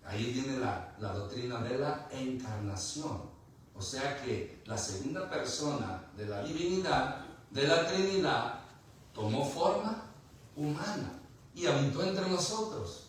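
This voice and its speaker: A man's voice: mid-range voice, animated, unhurried, a little hiss or hum. A man preaching a sermon, asking the congregation questions and mixing in light humor. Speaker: pastor. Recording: echoey room from far off.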